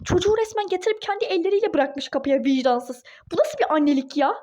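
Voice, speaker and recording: A woman's voice: extremely high pitch, lively intonation, quick pace, a little mellow. A woman voicing a furious, indignant young wife in a toy-game role-play drama, speaking in exclaiming outbursts. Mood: outraged.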